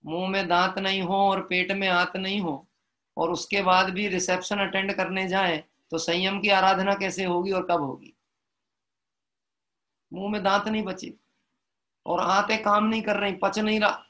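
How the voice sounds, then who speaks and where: A man giving a devotional sermon, telling a parable, chanting verses slowly and often checking in with listeners through rhetorical questions. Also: sits high, sharp tone. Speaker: Jain preacher.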